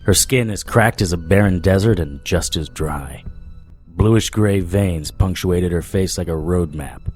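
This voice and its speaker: In a hard-boiled audio drama, a man voices a haunted, dogged supernatural investigator recounting his tale in first person. His low-pitched, darkish voice unfolds unhurriedly over soft background music, tense and narrating.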